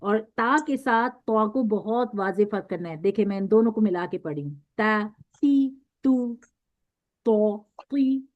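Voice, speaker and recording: A woman teaches a recitation class, patiently drawing out each syllable one at a time so her students can repeat after her. Her voice sits in the mid range, her pace is moderate with few pauses, and the lo-fi recording sounds dull.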